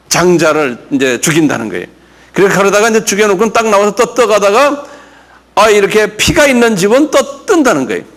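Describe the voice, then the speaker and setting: Older man teaching slowly, lively high pitch. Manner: drills English terms, asks the class to repeat; explains slowly, with many fillers and questions to the class. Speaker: pastor teaching a Bible class. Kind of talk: classroom Bible lesson.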